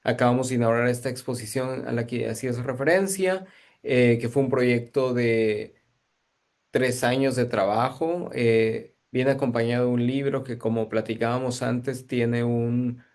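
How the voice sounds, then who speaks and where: A man's voice: mid-range voice, fairly even intonation, moderate pace, a little mellow. A man from Guatemala, a museum curator giving thoughtful, searching answers in an interview.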